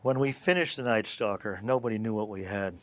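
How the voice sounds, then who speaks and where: An older male film producer telling animated interview anecdotes and acting out the dialogue. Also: lowish voice, a little fast, no echo. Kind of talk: interview storytelling.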